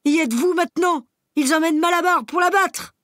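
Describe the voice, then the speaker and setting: A woman voicing an old male donkey in a storybook reading, crying out in high, shouted braying calls. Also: brisk, no echo, studio quality. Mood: furious.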